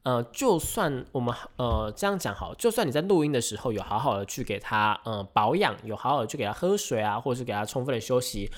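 A man's voice: mid-range voice, very animated, fast, hardly any pauses. A man hosting a podcast, explaining things in a casual, rambling way with frequent hesitations and self-corrections. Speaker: podcast host.

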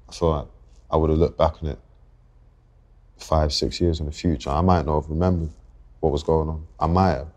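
A man in his twenties with a London accent, a guest on a podcast interview, talking reflectively and haltingly and often restarting his thoughts. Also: rumbling low, steady tone, darkish tone. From England. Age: 20s. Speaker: guest rapper.

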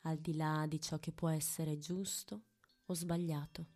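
A woman leading a guided meditation in a hushed, intimate voice right by the ear, with long pauses between short phrases. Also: low voice, level tone. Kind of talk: guided meditation, slow and soothing.

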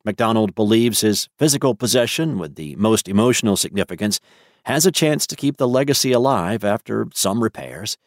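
A man reading a scripted daily weather news story in a measured, even way. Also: lowish voice, no room sound, clean studio sound. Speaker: news narrator.

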